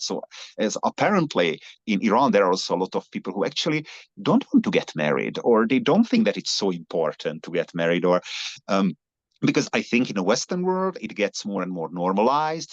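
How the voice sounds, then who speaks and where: An earnest Hungarian man with a low voice appears as a long-distance cyclist guest in a conversational interview, full of restarts and fillers. The recording has no echo and a slightly dull lo-fi sound.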